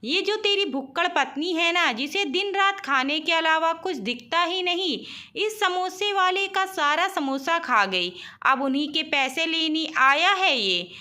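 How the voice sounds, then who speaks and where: A woman's voice: very high-pitched, lively intonation, a little slow, bright, forceful tone, exaggerated voice. A woman voicing a scolding older mother-in-law in a storybook tale, nagging and exasperated.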